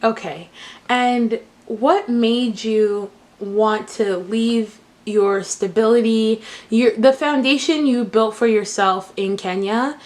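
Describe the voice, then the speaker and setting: A woman's voice: fairly high pitch, steady tone, slow, darkish tone. A college-age woman interviewing her father in a casual chat, talking loosely with "um" and "you know.". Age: 20s. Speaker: interviewer, daughter.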